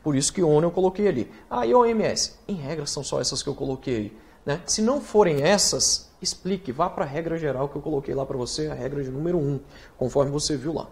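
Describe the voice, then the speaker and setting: Lively Brazilian teacher explaining rules. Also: male voice, a little high. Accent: Brazilian Portuguese. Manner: lively, talks straight to the student with rhetorical questions; spells acronyms out slowly letter by letter. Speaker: writing teacher. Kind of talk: recorded online lesson.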